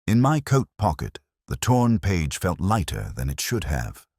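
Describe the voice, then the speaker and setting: A man with an extremely low, slightly mellow voice narrates a scripted detective story in a measured, solemn, literary style. His pitch swings hugely and expressively, and the close recording has no room sound.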